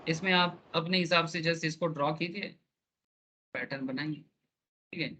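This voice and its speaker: A man's voice: a little high, moderate pace, bright, forceful tone, a little hiss or hum. A man teaching an online class, explaining with everyday analogies and checking in with his students.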